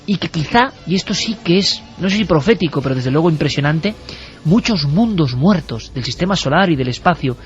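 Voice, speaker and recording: A man with a somewhat high voice hosts a radio show, musing lyrically and speaking to his listeners. Faint music sits under a dull, muffled broadcast sound. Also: animated, brisk. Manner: reflective, lyrical, addresses listeners. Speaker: radio host.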